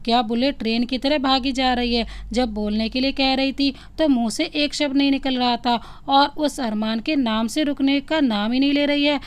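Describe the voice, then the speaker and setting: A woman's voice: high voice, fairly even intonation, moderate pace, few pauses, smooth, close to an everyday voice. A woman voicing a playful older sister who teases and mocks. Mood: teasing.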